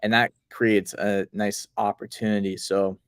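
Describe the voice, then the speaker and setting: Man co-host, light Boston accent, lowish voice, dry close mic, loose and rambling. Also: flat delivery, measured pace, a bit bright, clean tone, dry recording. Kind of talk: casual podcast chat.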